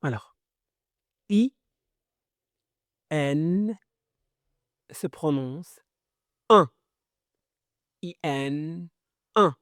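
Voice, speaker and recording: A woman's voice: low-pitched, very slow, long pauses, no room sound, studio quality. A woman giving a children's reading lesson, sounding out letters and syllables one by one, repeating each sound and praising often. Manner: encouraging. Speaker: reading teacher.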